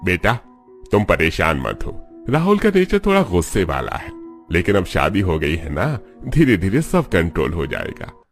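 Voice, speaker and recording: A man voicing a calm, kindly older father-in-law in a cartoon story who speaks reassuringly. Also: sits low, moderate pace, faint music behind, heavily acted.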